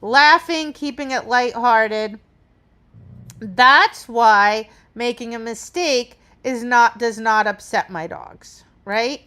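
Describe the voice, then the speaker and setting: In an instructional demonstration, a female dog trainer explains each step and keeps asking "right?" to check in. She speaks slowly in a slightly high voice that sounds pushed and bright.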